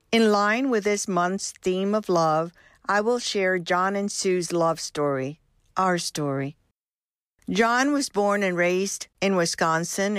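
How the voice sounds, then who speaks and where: A woman in her sixties from Cuba, hosting a podcast and reading her own memoir in a gentle, measured way. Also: fairly low pitch, clear, resonant tone, dry recording, studio quality. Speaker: host and storyteller.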